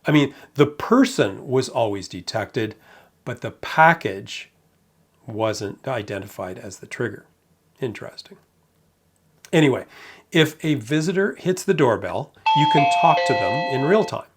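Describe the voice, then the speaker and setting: A man narrating a product review in a measured, matter-of-fact way with light amused asides. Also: medium pitch, lively intonation, breathy edge.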